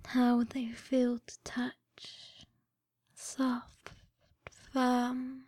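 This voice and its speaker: Female performer as seductive, adoring dream woman; sultry whispered role-play, breathy, very unhurried, little variation in pitch. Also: monotone, darkish tone, dry recording, studio quality, full character voice. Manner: sultry, slow, intimate narration.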